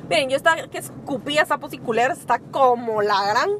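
High-pitched Guatemalan woman chatting in a car. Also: a little fast, slight background noise. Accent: Guatemalan Spanish. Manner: expressive, emphatic, laughs often. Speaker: podcast co-host, small bakery owner. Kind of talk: casual chat. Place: inside a parked car.

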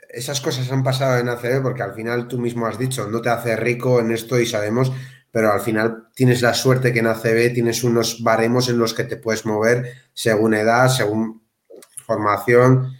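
A man co-hosting a casual interview, chatty and quick to laugh between his points. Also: medium pitch, steady tone. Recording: roomy echo.

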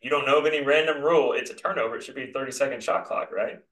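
A man hosting a sports podcast, talking emphatically and getting into animated rants. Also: medium pitch, rapid-fire. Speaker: podcast host. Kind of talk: casual sports chat. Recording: roomy echo.

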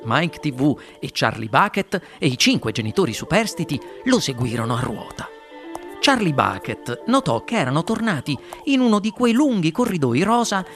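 High, lively male storyteller. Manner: expressive, animated reading. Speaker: audiobook reader. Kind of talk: storybook narration.

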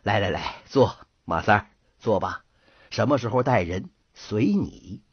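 A man plays a calm, generous old patriarch in a folk tale, speaking low and unhurried. His voice is husky, recorded dry and slightly dull. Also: dry recording. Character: calm, magnanimous older patriarch.

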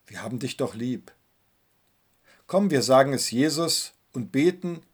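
A husky-voiced man speaking as a calm, loving mother who gently comforts her son in a sermon story. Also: medium pitch, unhurried. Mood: gentle. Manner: soft, soothing, sighing.

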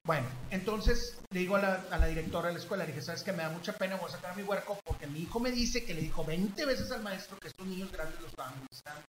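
A man with a Mexican accent telling a story in a casual chat, animated and acting out the voices of the people he quotes. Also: sits high, fast talker, hardly any pauses. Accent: Mexican Spanish. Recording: echoey room with background noise.

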